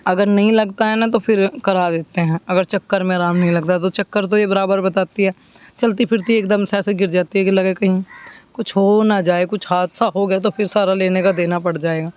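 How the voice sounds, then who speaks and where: Woman, 30s, village vlogger, rambling casual chores commentary, smooth clear tone. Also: medium pitch, steady tone, normal speed. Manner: chatty, rambling, talks to viewers while working. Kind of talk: casual running commentary while doing chores. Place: outdoors at a village home, by a water tap. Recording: slightly dull recording.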